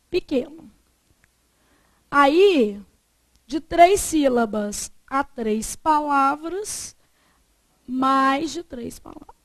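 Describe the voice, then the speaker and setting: A woman teaching a Portuguese grammar lesson, lively, asking the class questions and answering them herself. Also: sits high, no room sound.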